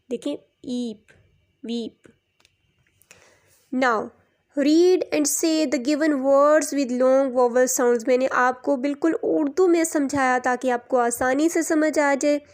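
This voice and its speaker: A woman's voice: sits high, a little mellow. A woman teacher, giving a recorded English lesson and sounding words out letter by letter with explanations in Urdu. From Pakistan.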